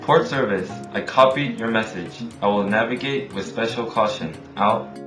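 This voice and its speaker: A man's voice: on the low side, moderate pace. Here is a man playing a ship's officer on marine radio, answering port control in strict formal procedure. He reads each instruction back plainly. The sound is roomy, with music underneath. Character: male ship's radio officer, calm and compliant. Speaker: ship's officer of a motor vessel. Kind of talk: scripted maritime radio role-play. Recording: echoey room with music underneath.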